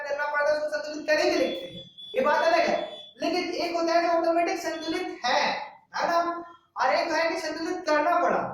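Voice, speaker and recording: A woman with a Bihari Hindi accent teaching a chemistry class, repeatedly checking with her students. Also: high-pitched. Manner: repetitive, checks with students often. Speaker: chemistry tutor. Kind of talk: classroom lecture. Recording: very echoey classroom, voice from far off, faint music.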